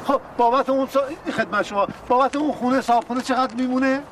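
An actor playing a pushy, practical man who placates others briskly and dictates a receipt slowly. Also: very high-pitched. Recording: outdoor street noise.

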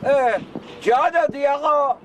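An actor playing a bitter tenant moving house, who complains indignantly. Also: male voice, very high-pitched, fairly bright tone, slight background noise. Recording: music score under dialogue.

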